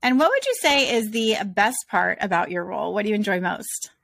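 A woman's voice: medium pitch, expressive, brisk, creaky, a bit bright, no room sound. A woman hosting an interview, asking questions in an encouraging way with frequent fillers. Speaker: interviewer host.

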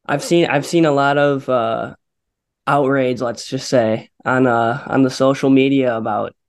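Flat-voiced man in casual sports chat. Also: medium pitch, measured pace. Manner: hesitant, many fillers and restarts. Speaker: podcast co-host.

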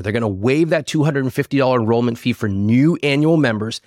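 A man reading a fast legal disclaimer at the end of a sponsor read, rapidly and flatly reciting fine print. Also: medium pitch, no echo, clean studio sound. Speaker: podcast host and financial coach.

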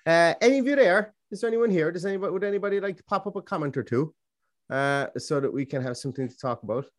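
A man's voice: fairly high pitch, expressive, fast, no echo, studio quality. A man with an Irish accent casually hosting a live football fan show, chatty and rambling.

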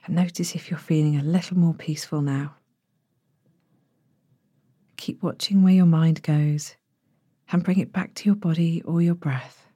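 A woman with a soft, breathy voice that slips toward a whisper, gently guiding a bedtime relaxation in the soothing, unhurried manner of a sleep story narrator. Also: sits low, fairly even intonation, no echo, studio quality. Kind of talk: guided bedtime body-scan meditation, sleep story narrator delivery.

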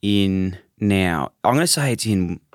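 A man's voice: low-pitched, expressive, unhurried, dry recording, clean studio sound. A man with an Australian accent co-hosting casual banter, chatty, opinionated and free with swearing. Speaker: podcast co-host.

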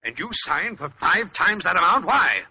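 A stern, wealthy older father in an old radio drama. His voice sits fairly high, and it is husky and bright. It comes through a dull, lo-fi old recording. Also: very animated, normal speed, heavily acted. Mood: scolding. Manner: scolding and stern. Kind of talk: 1930s radio acting.

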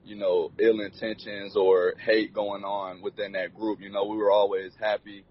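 Young male athlete, husky and even-toned, easygoing answers, dull lo-fi sound. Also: lowish voice, moderate pace. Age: 20s. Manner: laid-back, many "you know" fillers. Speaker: college football player. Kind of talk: relaxed interview answers. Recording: dull lo-fi recording.

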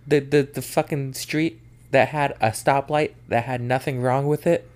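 A man's voice: medium pitch, steady tone, moderate pace, a little mellow. A man co-hosting a podcast in casual, offhand, slangy chat with swearing. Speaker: podcast co-host.

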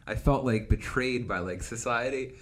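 A man telling childhood stories in a casual chat, lively and laughing often, acting out quoted voices. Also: medium pitch, normal speed, slight background noise.

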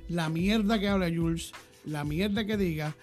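A high-voiced man co-hosts a laid-back podcast. He jokes, curses playfully and thanks his listeners, with faint music underneath. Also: moderate pace. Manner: playful, swears freely, thanks listeners warmly. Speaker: podcast co-host. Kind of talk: casual chat, telling jokes.

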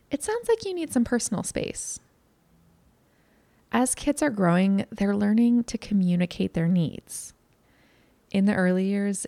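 A woman with a gravelly, mellow voice gives parenting advice to other parents. She talks in an earnest, candid, conversational way, and the sound is close and dry. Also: mid-range voice, no room sound. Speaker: parenting educator. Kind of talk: talk to parents.

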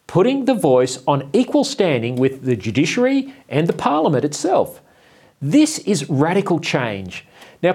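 An Australian man delivers scripted political commentary. His voice sits a little high and moves in lively swings of pitch.

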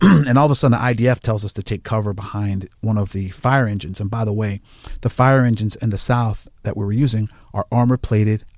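This firefighter guest speaks on the low side and a little fast, telling stories in casual conversation. He's animated and acts out the lines people said. The recording is studio quality with no room sound.

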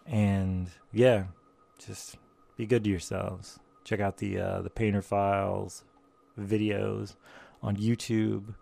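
A man hosting a podcast, speaking as a gentle, soothing meditation guide in soft, reflective monologue with pauses. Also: on the low side, flat delivery, creaky. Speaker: podcast host.

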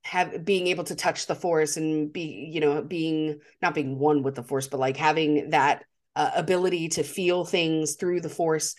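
A woman's voice: low voice, steady tone, normal speed. A woman co-hosting a podcast, talking enthusiastically with lots of fillers and restarts. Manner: enthusiastic, rambling with many fillers. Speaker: podcast co-host. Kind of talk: casual chat.

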